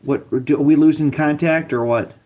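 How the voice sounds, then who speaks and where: A man's voice: on the high side, steady tone, normal speed. A man talking casually over a bad phone connection, agreeable and rambling, often restarting his sentences. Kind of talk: casual conversation. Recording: dull lo-fi phone line.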